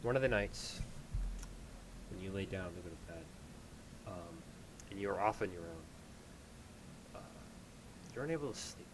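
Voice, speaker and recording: Guy running a tabletop rpg, lowish bright voice, halting improvised narration, faint noise behind. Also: lively intonation. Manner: halting, descriptive second-person storytelling. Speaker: game master.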